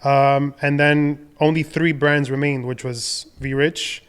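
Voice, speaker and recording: A young adult man from the Dominican Republic, a podcast guest telling his career story in a relaxed, rambling way with many fillers and restarts. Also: on the high side, slow pace, smooth. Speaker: podcast guest, designer and entrepreneur. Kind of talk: casual conversational storytelling.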